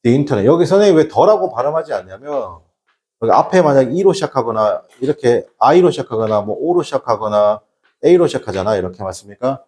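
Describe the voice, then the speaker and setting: Middle-aged guy teaching english to a class, jokey and chatty, voice jumps around a lot, warm mellow tone. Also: mid-range voice, big pitch swings, a little fast. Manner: chatty, joking, constantly checks in with students. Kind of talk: classroom lecture.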